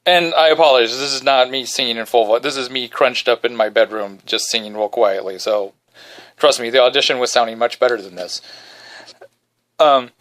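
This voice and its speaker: Recording from his bedroom, a man hosts a podcast, animatedly and casually telling a story at his own expense and softly singing brief snippets. He speaks briskly in a baritone.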